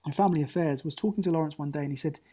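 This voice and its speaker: A man's voice: on the high side, very fast, dark tone, husky. A man, an actor as interview guest, telling long anecdotes with lots of restarts over a remote call. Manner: rambling anecdotes with many restarts. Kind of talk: casual interview chat.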